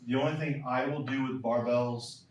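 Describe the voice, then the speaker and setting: A man's voice: medium pitch, steady tone, normal speed, darkish tone, far from the mic, highs cut off, a little hiss or hum. A man coaching throwers in a clinic lecture, emphatic and repeating key points, in a lecture hall. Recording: roomy lecture hall from afar.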